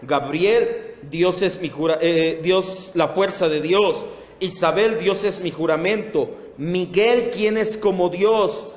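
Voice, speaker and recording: A man leads a Bible class in a church room, explaining word meanings slowly and repeating each term. His voice sits fairly high for a man. The sound rings with a long, hall-like reverb. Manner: slow, repeats terms, calls on listeners by name. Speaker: Bible teacher. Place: church meeting room with projector. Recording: echoey hall.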